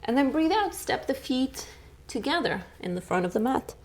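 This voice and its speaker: A young woman teaching a beginner yoga class, calmly cueing each breath and pose and encouraging the students between rounds. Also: sits high, vocal fry. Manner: slow, calm cueing of breath and poses. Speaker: yoga instructor. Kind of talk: guided yoga class instruction.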